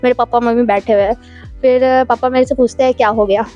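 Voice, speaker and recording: A young woman telling a story in a chatty, animated vlog style. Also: a little high, fast, highs cut off, faint music behind. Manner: animated, chatty, acts out quoted lines. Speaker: vlogger.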